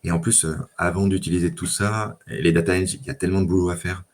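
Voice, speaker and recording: Man, very low voice, easygoing tech podcast guest, lots of "euh". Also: fast. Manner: relaxed, many fillers and restarts. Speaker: data engineer guest. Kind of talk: casual tech chat.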